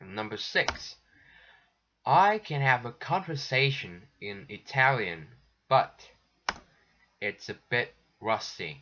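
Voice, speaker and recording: The dull lo-fi audio captures a man in a recorded English lesson, working patiently and slowly through textbook exercises and restarting frequently. His mid-range voice is lively in intonation, with a pushed, bright quality.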